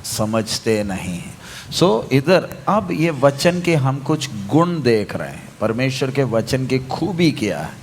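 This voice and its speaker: A man's voice: medium pitch, very animated, slow pace, a little hiss or hum. A male preacher delivering a sermon, firing questions at the congregation and repeating key phrases for emphasis. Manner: asks the congregation questions and waits for answers.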